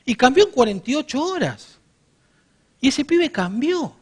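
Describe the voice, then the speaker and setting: A man's voice: very high-pitched, moderate pace. A man in his forties with a Rioplatense Spanish accent, giving a business workshop and telling stories straight to the audience. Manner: animated storytelling, addresses the audience directly. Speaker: workshop speaker.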